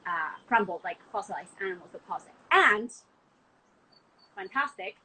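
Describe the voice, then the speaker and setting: Bright-voiced young woman, gushing and chatty. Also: medium pitch, animated, moderate pace, slightly rough, low-quality recording. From Argentina. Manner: enthusiastic, chatty, many "like" fillers. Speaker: wine export manager, guest. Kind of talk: casual podcast conversation. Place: home, from a window view of the city.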